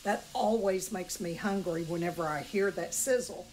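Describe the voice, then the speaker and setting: In a home kitchen, a woman with a Southern US accent walks through recipes in a folksy, chatty cooking tutorial. Her voice is lowish and slightly mellow, her pace moderate, and the home video is low quality, with faint kitchen noise.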